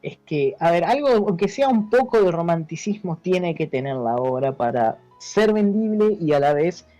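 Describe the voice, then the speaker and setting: A history teacher with an Argentine Spanish accent from Buenos Aires explains things casually as an interview guest, halting, repeating words and adding question tags to seek agreement. His voice is fairly high, animated and dark-toned. The recording is dull, lo-fi and dry, with no room sound and music behind.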